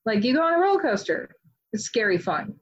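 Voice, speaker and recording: A woman author being interviewed, talking in a chatty, animated way with many "like" fillers. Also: on the high side, fairly quick, dull audio. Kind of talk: casual interview chat.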